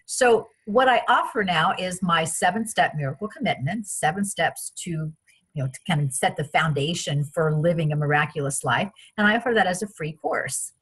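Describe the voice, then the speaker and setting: A woman from France, a guest in an interview, telling personal stories in a chatty, animated way with many restarts. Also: lowish voice, moderate pace, husky. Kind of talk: casual interview storytelling.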